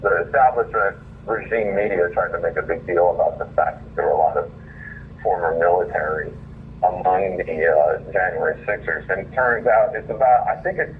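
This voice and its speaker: On a muffled, distant phone call with faint background noise, a low-pitched man reads aloud an opinion piece he wrote. His tone is earnest and indignant, and he closes with some informal remarks.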